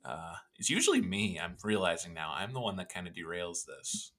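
A man's voice: sits low, big pitch swings, brisk, fairly bright tone. A man co-hosting a podcast, chatting casually and rambling with self-deprecating jokes. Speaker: podcast co-host. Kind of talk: casual chat.

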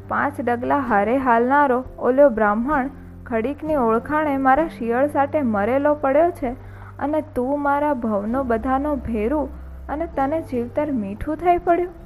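A woman reading a folk tale aloud, voicing a proud young Rajput wife who loudly scolds her husband. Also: high voice, natural voice. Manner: scornful, loud rebuke.

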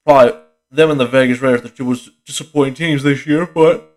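Sleepy young guy rambling through his podcast, swears a lot, keeps restarting, middle-pitched voice. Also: steady tone, a little fast. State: tired, yawning. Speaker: podcast host. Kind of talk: casual solo sports podcast.

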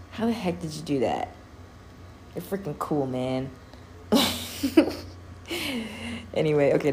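A young adult woman hosting a solo podcast, rambling casually with lots of fillers, cussing and quick laughs. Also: low-pitched, a little mellow, a little hiss or hum. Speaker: podcast host.

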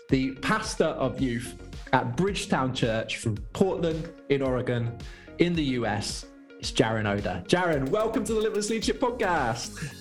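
Man hosting an interview podcast, effusive welcome, average pitch. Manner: warm and effusive, with repeated restarts. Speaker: podcast host.

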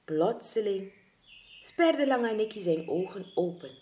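A woman reading a children's story aloud in an expressive, dramatic way. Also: medium pitch, a little slow.

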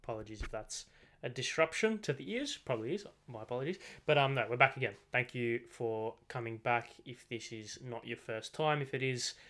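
The teenage Australian podcaster talks football alone at a desk microphone, chatty and self-correcting as he rambles along. He has a slight braces lisp, a mid-range, fairly bright voice, and a slightly fast pace.

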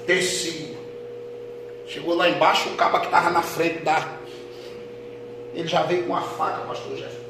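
A man, a pastor, telling a testimony in a sermon, dropping to a hush and rising to shouts. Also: a little high, fairly even intonation, moderate pace, pauses often. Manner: dramatic storytelling, swings from hushed to shouting. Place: church hall. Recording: echoey hall with noise.

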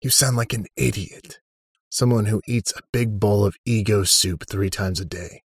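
A man's voice: on the low side, normal speed, husky, dry recording, clean studio sound, voice pushed up. Man doing a cocky, taunting young hero. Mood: mocking. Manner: mocking, sarcastic, defiant. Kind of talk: audiobook character reading.

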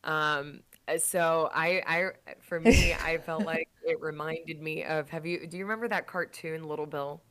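Young female co-host, low-pitched, giggly, halting, interrupts a lot; remote call audio. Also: fairly even intonation, a bit bright. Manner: giggly, halting, often cuts in. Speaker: podcast co-host. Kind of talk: casual TV recap chat.

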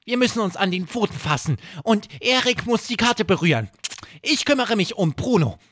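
A man voicing an eager little male rabbit in a children's audio drama, with an eager, high bright voice. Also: sing-song, moderate pace, no echo, studio quality, exaggerated voice.

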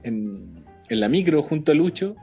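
A man's voice: a little high, very animated, normal speed, creaky, mellow, breathy edge, highs cut off, soft background music. A man with a Chilean accent chatting casually about a film and acting out its characters' lines as he retells scenes.

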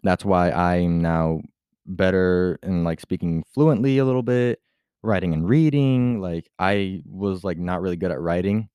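Deep, warm and smooth, this young man from Puerto Rico talks at a measured pace in a studio-quality recording with no room sound. His casual podcast monologue about himself wanders, full of "like" and restarts, and shifts into Spanish at times.

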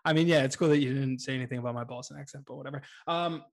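A man's voice: medium pitch, very fast. A man co-hosting a podcast in casual comedic banter, joking, swearing and poking fun at himself. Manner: profane, joking, self-deprecating. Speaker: podcast co-host.

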